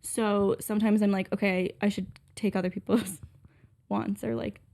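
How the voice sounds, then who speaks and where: A woman's voice: medium pitch, steady tone, normal speed, gravelly, dark tone. A young woman co-hosting a podcast in casual chat, giggly and chatty, often trailing off mid-sentence. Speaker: podcast co-host.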